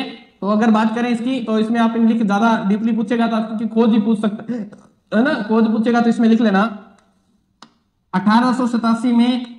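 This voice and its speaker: A man lectures like a coaching teacher and drills students by repeating each phrase several times. His voice sits very high for a man. The room around him is echoey. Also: a little mellow. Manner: repetitive, drills phrases, asks and answers own questions. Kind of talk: exam-prep classroom lecture.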